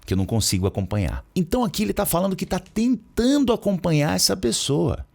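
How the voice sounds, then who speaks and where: A male teacher with a Brazilian Portuguese accent explains English in a relaxed, chatty way. His pitch swings widely as he talks, with a gravelly edge in his voice. He often slows right down and repeats single words to drill their pronunciation. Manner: lively, slangy, repeats words slowly to show pronunciation. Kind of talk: casual explanatory lesson.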